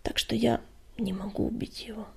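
A woman's voice: mid-range voice, flat delivery, normal speed, warm tone, exaggerated voice. A woman reading the part of an old grieving female medicine cat from a storybook, in a whisper. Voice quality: whispered, breathy.

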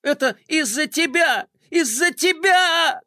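A man voicing a fussy, snide little male robot adjutant in a children's story, shrill and whiny. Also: measured pace, fairly bright tone, no room sound, studio quality, exaggerated voice. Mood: distraught.

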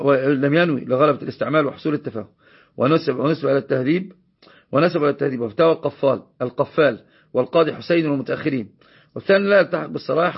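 A man's voice: mid-range voice, breathy edge, dull audio. A man with an Egyptian accent teaching a religious law lesson, explaining a text and repeating key phrases for emphasis. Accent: Egyptian Arabic.

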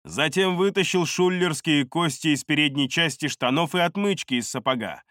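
A man reading first-person fantasy narration for an audiobook, calm and measured, on a close studio mic. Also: fairly high pitch, no echo.

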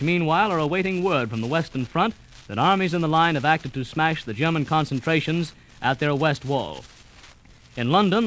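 Man, vintage radio news bulletin, formal, measured, fairly high. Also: a bit bright, slight background noise, poor audio. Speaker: news announcer.

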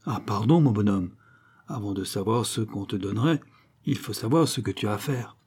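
A man's voice: on the low side, moderate pace, darkish tone, breathy edge. A man voicing a cocky young male bandit who teases and commands in a spoken storybook. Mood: mocking. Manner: teasing, commanding.

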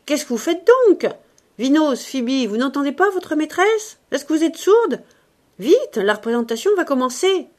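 A woman voicing a grumpy, sardonic old male showman in an audiobook, talking loudly and blustering. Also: mid-range voice, lively intonation, measured pace, long pauses. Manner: loud, blustering, exclamatory. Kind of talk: audiobook reading.

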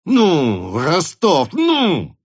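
A man voicing a hot-tempered male cavalry officer who shouts and blusters. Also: fairly high pitch, expressive, a little slow, pitched above the performer's own voice. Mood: fierce.

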